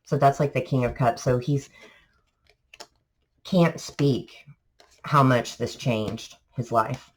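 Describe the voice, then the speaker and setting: Stuffy-voiced tarot reader, relaxed chatty vlog delivery, rambling. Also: medium pitch, slow, pauses often, breathy edge, poor audio. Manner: chatty, rambling, many fillers. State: congested from allergies. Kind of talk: casual tarot reading for viewers.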